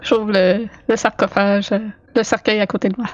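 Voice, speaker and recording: A woman's voice: medium pitch, little pitch movement, moderate pace, no room sound, lo-fi sound. Tabletop player, woman, hesitant, dry close sound. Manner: hesitant, with fillers. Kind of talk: tabletop game player stating actions.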